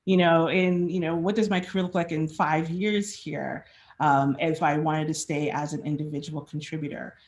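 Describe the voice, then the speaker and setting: A woman's voice: sits low, little pitch movement, normal speed, a little mellow. A woman giving a conversational presentation at a design meetup. She speaks frankly, with frequent fillers and restarts, and acts out quoted questions along the way.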